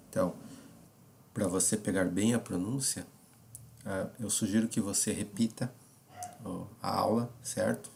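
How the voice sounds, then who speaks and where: A man with a deep, gravelly voice walks through a video lesson at an unhurried pace. He stops often to check in with his listeners, and a faint hiss of room noise sits under his voice. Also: darkish tone. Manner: slow and deliberate, many filler checks like "tá?" and "certo?". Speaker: English teacher. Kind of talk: video lesson, reading verb conjugations.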